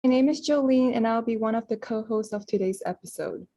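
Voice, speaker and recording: A woman's voice: on the high side, fairly quick, loud music behind the voice. A young woman from Malaysia co-hosting a student podcast, asking questions and chatting casually. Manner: friendly, frequent mm-hmm backchannels. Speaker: podcast co-host.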